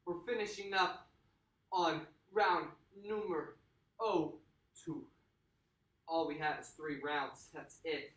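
A man coaching a kids' workout, out of breath, cheering people through holds and then calmly guiding stretches. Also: fairly high pitch, slow, long pauses. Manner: energetic hype shouting during sets, calmer during stretches. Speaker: fitness instructor. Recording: echoey room, mic at a distance.

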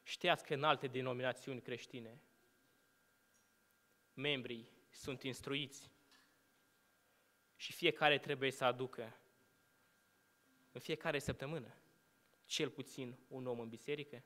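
A young man who is a student preacher delivers a sermon from a lectern in a church hall, picked up by the lectern microphone. His mid-range voice is clear and bright, fairly even in intonation, with a long reverb trailing each phrase. In a measured rhetorical style, he rises on questions and lets his sentences drop to hushed endings.

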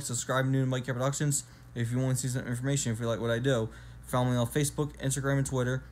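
A man's voice: mid-range voice, a little mellow. A young man in his twenties talking casually to his phone camera at home, rambling with many ums and restarts. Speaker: vlogger. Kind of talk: casual vlog talk to camera. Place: indoors, small room at home. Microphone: phone camera at arm's length.

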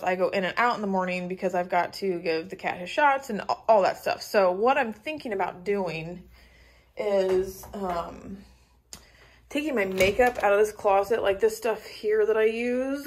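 A woman in her thirties chatting casually to her phone camera in a small apartment, rambling with many ums and likes and laughing easily. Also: medium pitch. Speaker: vlogger. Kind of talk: casual clean-with-me vlog chat. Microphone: phone camera held at arm's length.

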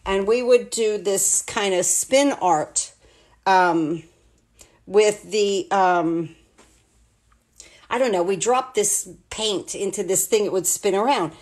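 Speaking slowly in a medium-pitched, slightly mellow voice, this American woman in her sixties runs a live card-making demo at her home craft table. She's chatty and a bit rambling, describing each step as she goes.

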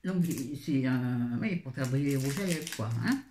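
A woman's voice: extremely low pitch, expressive, moderate pace, warm tone, a little hiss or hum. A woman beauty vlogger chatting casually through a product haul, with wry asides and frequent fillers. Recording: echoey room.

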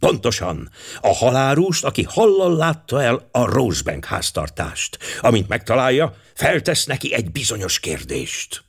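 A man's voice: medium pitch, sing-song, gravelly, breathy edge, exaggerated voice. A man voicing a fussy, vain older male Belgian detective who talks pompously and drops French words. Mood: brisk.

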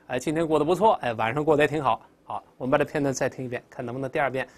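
A man's voice: medium pitch, very fast, slight background noise. A male English teacher giving a vocabulary lesson, drilling words aloud and stretching out the sounds.

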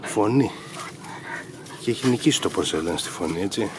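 A man's voice: low voice, lively intonation, noisy background. A man training hunting dogs, explaining each step methodically and calling to the dogs outdoors in the fields. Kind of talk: instructive commentary over training footage.

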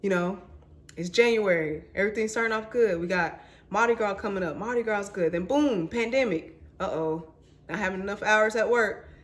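A woman's voice: mid-range voice, moderate pace. Candid young woman vlogging her story. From Mississippi. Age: 20s. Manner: candid and emotional, says y'all and honey. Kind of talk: personal storytelling vlog.

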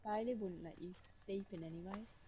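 A woman's voice: mid-range voice, normal speed, dark tone, slight background noise. A woman chatting casually and laughing at herself while playing a video game. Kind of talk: casual gameplay chat.

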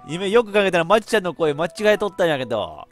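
A man's voice: sits high, big pitch swings, quick pace, faint music behind. Chatty man with a regional lilt. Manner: chatty, laughs at himself. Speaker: VTuber let's-play streamer. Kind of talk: casual game commentary.

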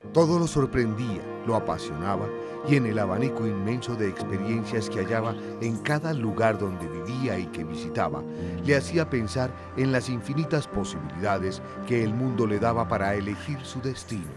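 A man reading a scripted documentary narration in a measured, lofty storytelling manner. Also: lowish voice, expressive. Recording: voice-over with loud music behind. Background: music.

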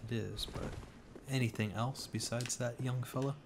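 Low, fry-heavy male co-host, relaxed let's-play banter, hissy home mic. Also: normal speed. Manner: laid-back, mumbled reactions to gameplay. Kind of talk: casual gaming chat. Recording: noisy home recording.

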